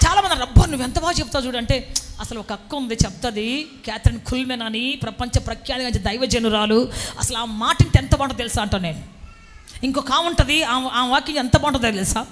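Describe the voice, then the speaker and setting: Animated high-voiced woman preacher. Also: in a large hall, slight background noise. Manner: animated, breaks into shouted exclamations. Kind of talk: sermon with acted-out stories.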